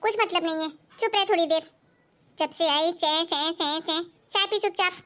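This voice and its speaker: Woman doing a shrill strict cartoon mom, lecturing, scolding, cares deep down. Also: moderate pace, fairly bright tone. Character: scolding middle-aged Indian mother, stern but caring. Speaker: mother in animated family story. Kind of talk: animated cartoon voice acting.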